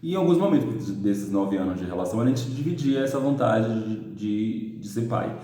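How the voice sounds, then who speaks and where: A man's voice: fairly low pitch, expressive, moderate pace, mellow. A man, an adoptive father speaking thoughtfully in a documentary interview, searching for words. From Salvador, Bahia, Brazil. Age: 30s. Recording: echoey room on a phone.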